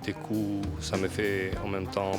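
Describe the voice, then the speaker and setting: Slow man over guitar. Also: low voice, monotone. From Argentina. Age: 30s. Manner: slow, searching for French words. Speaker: aerial cradle artist. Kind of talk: interview testimony. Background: guitar music.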